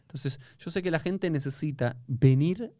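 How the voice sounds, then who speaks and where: A man with an Argentine Spanish accent, a rabbi talking in a casual conversation, explaining with animated restarts. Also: on the high side, normal speed, no echo, clean studio sound.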